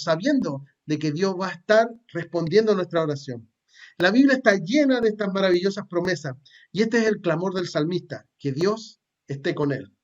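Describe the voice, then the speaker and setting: A man's voice: sits high, dull audio. A man with a Chilean Spanish accent preaching a sermon, reading scripture aloud and explaining it in a plain, conversational way with fillers and repeated words. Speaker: pastor.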